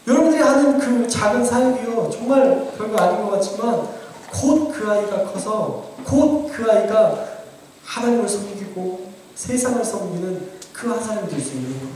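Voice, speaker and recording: A man's voice: high-pitched, darkish tone, a little hiss or hum. A man pastor preaching a sermon, earnestly urging his congregation in direct address. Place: church sanctuary. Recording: very echoey church room, from far off.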